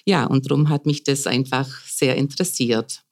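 A woman in her fifties with a low voice talks through her work in a podcast interview. She explains at length, thoughtful and unhurried, with small fillers along the way. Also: steady tone. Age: 50s. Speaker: palliative care coordinator.

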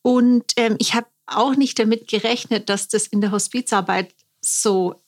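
A woman's voice: on the high side, steady tone, moderate pace. Thoughtful middle-aged woman, interview guest. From Germany. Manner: thoughtful, warm, with frequent hesitations. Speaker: volunteer hospice worker and music therapist.

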